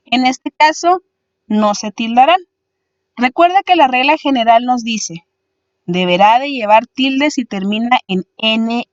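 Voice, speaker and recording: A woman's voice: fairly high pitch, no room sound, dull audio. A woman teacher explaining spelling rules patiently, step by step, like a voice-over lesson.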